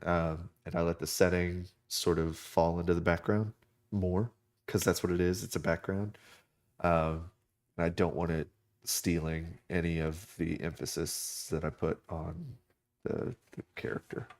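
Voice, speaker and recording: Deep-voiced man rambling on a live stream. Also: a little slow. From United States. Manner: relaxed, rambling, many fillers and restarts. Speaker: artist live streaming a drawing session. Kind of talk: casual rambling chat while drawing.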